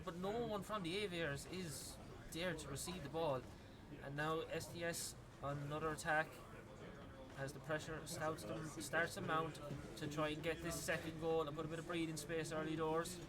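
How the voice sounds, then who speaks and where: An Irish man commentating a live esports match in an arena, his voice sitting a bit high. He talks loosely with plenty of fillers and gets loud and excited when a goal goes in. A noisy crowd fills the background. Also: normal speed. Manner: excitable, rises to yelling on big plays, many "like" fillers. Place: gaming arena venue.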